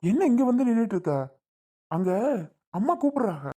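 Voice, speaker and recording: A woman's voice: a little high, big pitch swings, a little fast, mellow. A woman playing a blunt, protective husband. The husband is insistent and scolding, pressing the same demands again and again. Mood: insistent, concerned. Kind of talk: family drama skit.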